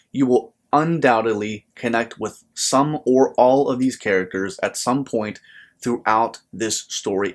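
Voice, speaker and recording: A mid-range American man hosts his channel, presenting a scripted book review to viewers. He speaks earnestly and in a measured way, with emphatic phrasing.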